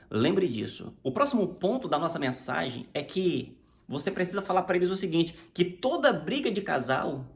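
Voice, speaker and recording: Emphatic Brazilian preaching teacher, man. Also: sits high. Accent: Brazilian Portuguese. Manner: emphatic, acts out quoted dialogue. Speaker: preaching instructor. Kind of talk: preaching lesson.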